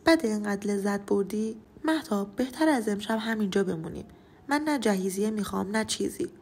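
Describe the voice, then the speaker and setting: A woman's voice: mid-range voice, darkish tone, husky. A woman reading as a harsh, domineering young husband. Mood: coaxing. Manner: scornful, commanding. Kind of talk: audio story narration.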